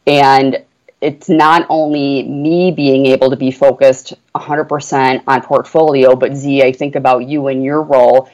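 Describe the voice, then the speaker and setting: A woman with a rumbling low voice talks at a measured pace in a flat, darkish tone, and the sound is lo-fi. She is a portfolio manager appearing as a guest on a business podcast, describing her work earnestly and enthusiastically with lots of "you know" fillers.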